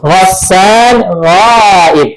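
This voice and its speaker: A man teaching Arabic, leading slow call-and-response drills and breaking into quick explanations and scolding. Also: sits high, over loud music, a loud crowd, rough recording. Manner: drills phrases slowly, then scolds and explains rapidly. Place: school classroom full of students. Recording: classroom with pupils chattering behind.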